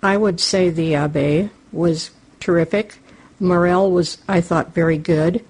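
A woman giving deliberate opinions in a casual book discussion. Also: lowish voice, fairly even intonation, darkish tone, husky.

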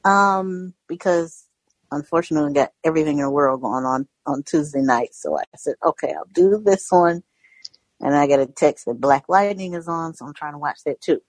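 American lady rambling along casually, low husky voice, folksy, close dry sound. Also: normal speed, no room sound. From Georgia and various parts of the US. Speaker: book club member, first-time participant. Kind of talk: casual chat.

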